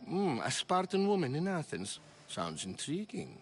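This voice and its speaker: A man's voice: a little high, sing-song, normal speed, faint music behind. An actor playing a vain, pompous male dramatist in a video game. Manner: pompous, self-admiring, grand. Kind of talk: video game character dialogue.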